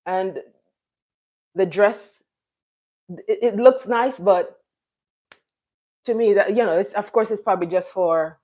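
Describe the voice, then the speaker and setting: A middle-aged woman from Jamaica hosting a casual live chat, rambling and restarting her sentences as she talks to viewers. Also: medium pitch. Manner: chatty, rambling, many restarts and fillers. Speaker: live stream host.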